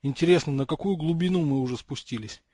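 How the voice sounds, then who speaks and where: A man voicing an eager, excitable teenage wizard boy in an audiobook, curious and exclaiming. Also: fairly high pitch, quick pace, breathy edge, dry recording.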